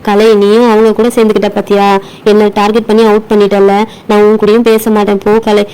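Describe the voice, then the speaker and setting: A touchy, sulking young doll girl , played by a woman, in a doll play story. She complains in a quick, mellow, even voice. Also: mid-range voice, clean tone, natural voice, rough recording. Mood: aggrieved. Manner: sulky and aggrieved.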